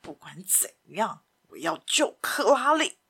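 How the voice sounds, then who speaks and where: A woman's voice: medium pitch, lively intonation, slow pace, sharp tone. A woman voicing a young army captain in a storybook reading, speaking in a brusque, demanding way. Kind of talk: audiobook character voice.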